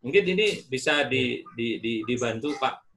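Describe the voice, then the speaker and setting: A man moderates an online webinar over a video call, reading out audience questions to the speaker. His voice is bright and forceful, with a little faint noise behind it, and he hesitates with filler sounds. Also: medium pitch, lively intonation, moderate pace, creaky.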